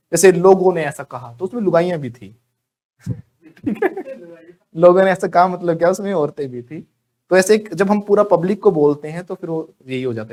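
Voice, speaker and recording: A man teaching spoken English to a live class with an Indian English accent, lively and joking, quizzing students by name. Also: fairly high pitch.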